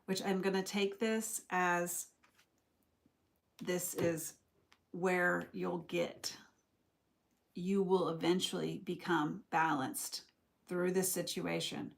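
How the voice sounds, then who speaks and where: A young woman giving a casual live tarot reading, talking in a loose, reflective, rambling way. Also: on the low side. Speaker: tarot reader.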